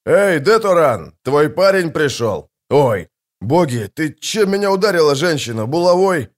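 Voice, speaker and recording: A man voicing a loud, crude male sapper who yells and complains. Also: on the high side, animated, moderate pace, close to an everyday voice. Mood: yelling. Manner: loud, yelling.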